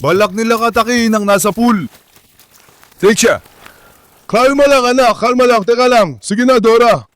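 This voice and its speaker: A man with a high, light voice vlogs outdoors from his backyard pool. He keeps calling his dogs in with coaxing, affectionate words and chats casually to his viewers. The sound is close and dry, with animal sounds now and then. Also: moderate pace, pauses often, a bit bright, dry recording. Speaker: vlogger and dog owner. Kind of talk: casual vlog talk to pets and viewers.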